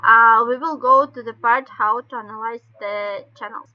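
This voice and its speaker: A woman with a Russian accent explains things step by step in halting non-native English, like an informal online training session. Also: on the high side, steady tone. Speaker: webinar presenter. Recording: dull lo-fi webinar call audio.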